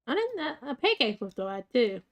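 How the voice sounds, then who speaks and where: A gaming channel host gives loose, chatty commentary as she plays, often speaking fondly to the pets on screen. Her fairly high voice is sing-song, fairly bright, and a little fast.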